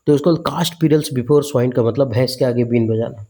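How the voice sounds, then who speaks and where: Chatty male tutor with a mellow voice. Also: mid-range voice, normal speed. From India. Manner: chatty, repeats words in mnemonic chants, asks learners questions. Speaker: exam coaching teacher. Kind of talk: vocabulary lesson.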